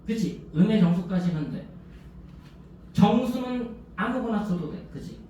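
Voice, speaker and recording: A male teacher lectures a class, constantly firing short check questions at his students. His voice sits high for a man. He is caught from a distance in a strongly echoing classroom. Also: animated, unhurried, warm tone, dull audio, a little hiss or hum. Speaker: math teacher.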